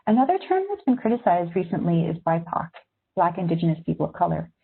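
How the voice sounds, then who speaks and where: A magazine editor who grew up in Syria speaks in a husky, slightly low, sing-song voice at a quick pace. Her thin, phone-like video-call audio carries a reflective webinar talk to journalism students in which she thoughtfully weighs each point.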